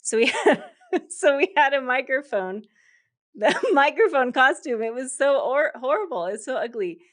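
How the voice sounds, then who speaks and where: In an interview, a thirty-something podcast host, a native English speaker, talks casually and chattily, laughing frequently and leaning on fillers. Her voice sits high with lively intonation and a moderate pace.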